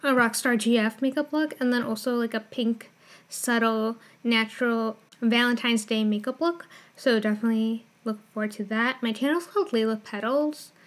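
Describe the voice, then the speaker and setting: A woman's voice: fairly high pitch, steady tone, moderate pace. A woman with a noticeable lisp hosting a podcast, talking casually and informally with plenty of "like" as filler. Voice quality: strong lisp. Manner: informal, filler-heavy with frequent "like". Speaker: podcast host. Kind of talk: casual chatty podcast monologue.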